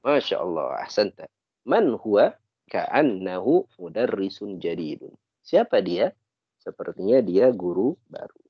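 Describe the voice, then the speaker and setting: A man's voice: low-pitched, sing-song, measured pace, husky, no room sound, lo-fi sound. A man with an Indonesian accent teaching an online Arabic class, patiently correcting and translating phrases.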